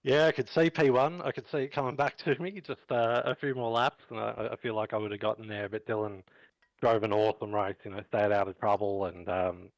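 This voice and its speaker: A man in his forties giving a measured, thankful post-race interview as a driver. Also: lowish voice, fairly even intonation, dry recording, poor audio. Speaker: sim racing driver.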